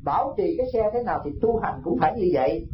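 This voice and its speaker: A man's voice: high voice, expressive, fast, faint music behind. A man with a Southern Vietnamese accent giving a Buddhist dharma talk in a folksy way, often putting questions to his listeners. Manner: folksy, keeps asking the audience questions. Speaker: Buddhist monk teacher. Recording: echoey, dull hall recording.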